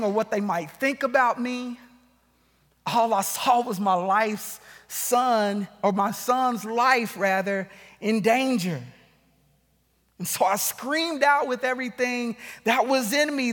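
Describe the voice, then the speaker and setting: A man's voice: a little high, a bit bright, in a large hall. A man preaching an earnest sermon as pastor, rising to urgent calls.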